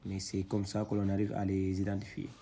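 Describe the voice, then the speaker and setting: A man teaching Quran reading, patiently spelling out syllables one at a time, louder when he sounds them. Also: low voice, monotone, brisk. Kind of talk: slow letter-by-letter reading lesson.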